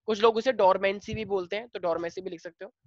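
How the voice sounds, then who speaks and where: A male teacher with an Indian accent explaining biology to a class, switching between Hindi and slowly dictated English lines. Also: sits high, steady tone, no echo, muffled recording.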